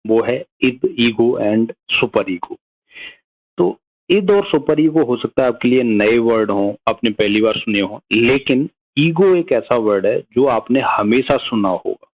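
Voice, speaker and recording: A man explaining psychology in a casual video lesson, often checking in with his viewers. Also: medium pitch. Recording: narrow phone-like sound.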